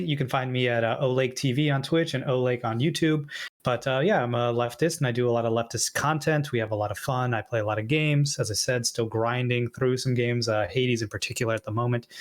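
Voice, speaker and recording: Streamer guy rattling off his intro quick, friendly. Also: mid-range voice. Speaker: panel guest, streamer.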